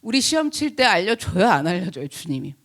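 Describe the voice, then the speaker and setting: A woman pastor giving a lively sermon, asking the congregation questions and acting out quotes, laughing often. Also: medium pitch, brisk.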